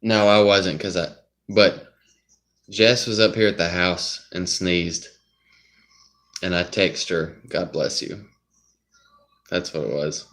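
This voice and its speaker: Slow, deep-voiced Southern US man. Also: steady tone, fairly bright tone. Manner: rambling, wanders off topic. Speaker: livestreamer. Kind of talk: casual live-stream chat.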